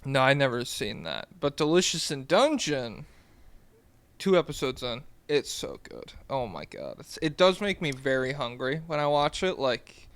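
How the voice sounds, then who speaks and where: A man's voice: medium pitch, animated, normal speed, a bit bright, clear, resonant tone, no room sound. A man co-hosting a podcast, chatting casually and animatedly, laughing and swearing now and then. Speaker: podcast co-host. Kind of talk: casual chat.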